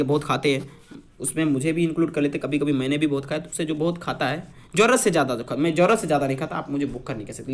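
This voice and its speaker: A young man teaching English vocabulary for an exam, explaining patiently and quizzing his listeners with repeated questions. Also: a little high. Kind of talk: vocabulary lesson.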